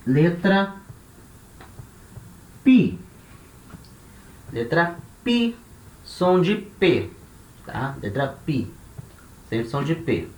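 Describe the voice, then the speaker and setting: Man, Brazilian accent, language teacher, very slow lesson delivery, roomy echo. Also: a little high, big pitch swings. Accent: Brazilian Portuguese. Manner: slow, drawn-out, repeats each letter and sound with tá and né. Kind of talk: classroom-style lesson. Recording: echoey room.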